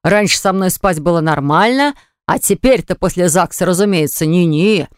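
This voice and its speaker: A woman voicing a pushy, demanding young man who speaks bluntly and insistently, lower than her own voice. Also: expressive, moderate pace, smooth, no echo, clean studio sound, close to an everyday voice. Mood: annoyed.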